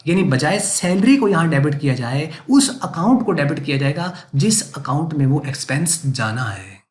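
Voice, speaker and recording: A man teaching accounting in a recorded lecture. He keeps asking rhetorical questions and answering them himself, and he repeats each point for emphasis. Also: a little high. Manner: emphatic, repetitive explaining.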